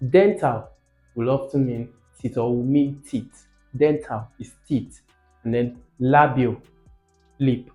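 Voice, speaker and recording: A man with a medium-pitched, dark voice takes his time teaching a lesson, explaining things didactically, posing questions and repeating key words for emphasis. The audio is muffled and echoey, with faint music in the background.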